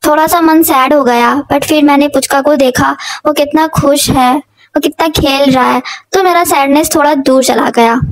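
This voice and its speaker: A young woman with a notably high voice tells her vlog in a casual voice-over. She is chatty and doting and keeps turning to her viewers as she talks. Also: low-quality recording. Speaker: vlogger, aunt narrating a child's birthday.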